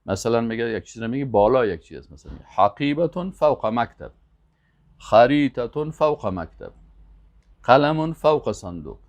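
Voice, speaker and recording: Guy teaching arabic vocab, pitch jumps all over, stretches out each word then rattles off quick asides. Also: expressive. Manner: slow, emphatic word-by-word repetition with quick asides. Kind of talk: language lesson, drilling vocabulary.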